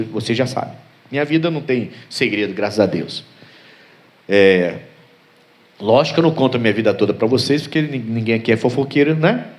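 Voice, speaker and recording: A man's voice: mid-range voice, darkish tone. A man, a pastor preaching a sermon, telling stories and asking his congregation rhetorical questions. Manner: storytelling with acted voices and rhetorical questions.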